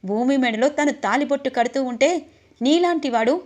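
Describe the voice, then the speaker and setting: A woman's voice: high voice, normal speed, close to an everyday voice. A woman voicing a stern, domineering older father who scolds angrily and raises his voice. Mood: scornful. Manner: angry, scolding, shouting.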